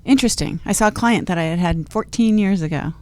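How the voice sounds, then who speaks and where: A woman's voice: lowish voice, quick pace, a little mellow. A woman hosting a radio talk show in a studio, chatting casually and rambling with light jokes. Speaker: show host. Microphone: studio mic with headphones.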